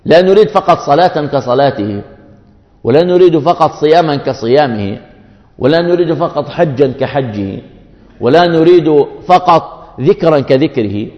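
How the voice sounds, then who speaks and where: A man's voice: fairly high pitch, animated, moderate pace, darkish tone. A man preaching a sermon to his brothers, emphatic, repeating key phrases to press his point. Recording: dull sound with long hall echo.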